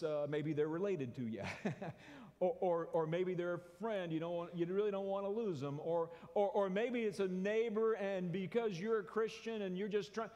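A pastor with an Oklahoma American accent delivering a folksy, conversational sermon with call-and-response. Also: male voice, high voice, a little mellow. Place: large church sanctuary. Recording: long church-hall reverb.

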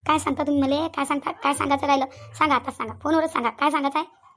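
An angry young fiancée, voiced by a woman, speaks very fast in a high voice with a Vidarbha Marathi accent. She fires accusing questions and repeats them over and over. A cartoon role. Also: steady tone, fairly bright tone, faint music behind. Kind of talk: cartoon voice acting.

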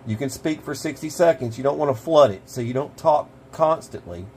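Here the survival channel host, a middle-aged American, rambles through a folksy on-camera product review, repeating phrases for emphasis. He has a mid-range, brisk, darkish voice, and the small cluttered gear workshop carries clear background noise with hum.

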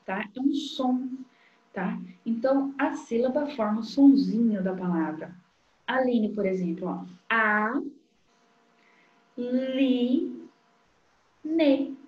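A woman teacher, talking young children through a literacy worksheet in a slow, sing-song way. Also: fairly high pitch, animated, warm tone. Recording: dull, echoey room sound.

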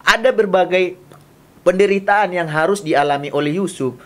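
A man's voice: high voice, moderate pace. A middle-aged man preaching a sermon as pastor, emphatic and repetitive, seated at a desk on a small studio set. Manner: emphatic, gestures with his hands while preaching; repetitive, builds lists of phrases.

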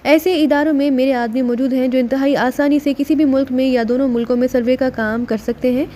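Bossy lady leader giving orders, brisk, high pitched, narrator doing her. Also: steady tone, warm tone, slight background noise, lightly acted. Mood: pleased. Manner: brisk, pleased, in charge. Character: commanding female gang leader.

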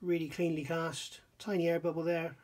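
A man's voice: fairly high pitch, level tone, normal speed, darkish tone. A middle-aged man reviewing a scale model kit at his workbench, thinking aloud and often questioning himself. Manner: musing, self-questioning, admiring. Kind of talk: casual hands-on kit review. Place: workbench indoors.

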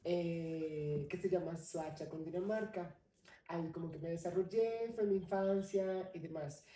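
A woman's voice: on the low side, unhurried, dark tone, a little hiss or hum. A young adult woman from Colombia, telling her story expressively as a podcast guest in a casual interview. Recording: roomy, slightly distant mic.

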